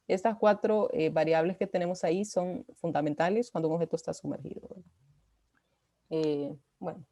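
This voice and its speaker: A woman's voice: fairly low pitch, mellow. A woman teaching a physics class, explaining patiently with frequent "eh" fillers and "¿verdad?" checks. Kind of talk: recorded online class lecture.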